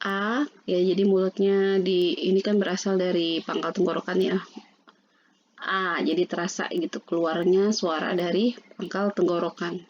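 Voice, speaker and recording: A woman teaching Quran reading. She slowly drills syllables and repeats them, with many fillers. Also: lowish voice, level tone, slight background noise. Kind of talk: pronunciation lesson with drills. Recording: dull lo-fi sound.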